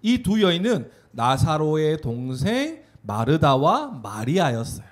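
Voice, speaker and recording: A man giving an animated children's sermon, telling a story and having the kids repeat words after him. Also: on the high side, measured pace. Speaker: children's pastor.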